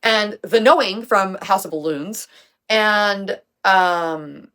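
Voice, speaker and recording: A young woman in her own casual commentary, breaking down an artist's albums. She talks in an emphatic, chatty way, full of slang and the odd swear, with a voice of middling pitch. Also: takes it slowly, sharp tone. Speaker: music commentary creator. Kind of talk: casual video essay commentary.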